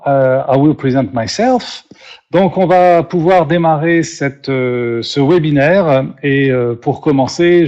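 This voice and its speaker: A man's voice: fairly high pitch, darkish tone, highs cut off. A French man hosting a live webinar as a company vice president, speaking English with a French accent and then translating himself into French, upbeat and full of fillers and restarts.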